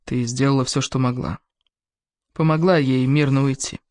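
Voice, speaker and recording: Man voicing a calm gentle young man. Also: medium pitch, moderate pace, dry recording, clean studio sound, close to an everyday voice.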